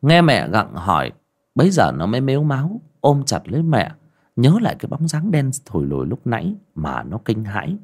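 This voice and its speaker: A man narrating a spooky folk tale in a dramatic way that turns hushed at tense moments. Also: mid-range voice, huge pitch swings, brisk, slightly rough. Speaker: storyteller.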